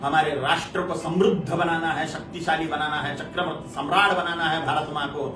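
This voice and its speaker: A man's voice: a little high, steady tone, brisk, echoey room, distant mic, noisy background. A man giving an impassioned religious discourse, speaking emphatically and hammering points home through long repeated lists. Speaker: religious preacher.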